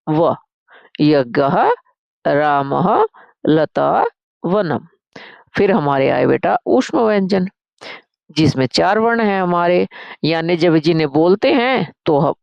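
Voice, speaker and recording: A woman's voice: lowish voice, vocal fry, dry recording. A woman Sanskrit teacher, teaching a grammar lesson, calling her students "beta" and answering her own questions.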